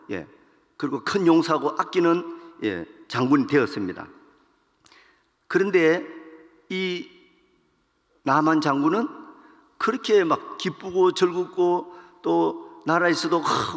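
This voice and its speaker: A male pastor preaching in an animated, storytelling way and acting out the characters' lines. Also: on the high side, big-room sound. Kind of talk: storytelling sermon.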